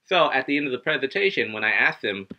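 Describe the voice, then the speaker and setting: A man in his thirties gives a casual English lesson to camera from his living room, speaking fast at medium pitch. He's animated, gestures a lot and acts out little scenes playing his students and himself. The webcam audio is dull and lo-fi.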